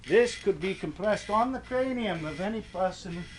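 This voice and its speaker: Macabre comic ghost tour storyteller, male actor, theatrical and wordy, strikingly high voice, slightly noisy distant recording. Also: animated, moderate pace. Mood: loud, gleeful. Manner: theatrical, mock-grandiose, wordy. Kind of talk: semi-scripted comic horror tour narration. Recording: distant mic, light background noise.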